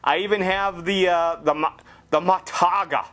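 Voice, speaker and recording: A man's voice: high voice, steady tone, moderate pace, fairly bright tone. A man giving casual gameplay commentary, rambling and sarcastic with heavy swearing.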